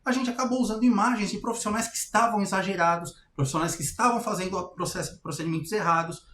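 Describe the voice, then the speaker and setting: A man's voice: sits high, quick pace, a bit bright. A man with a Brazilian Portuguese accent, hosting and commenting casually on a recorded live class in a wry, conversational way. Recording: echoey room with faint ambience.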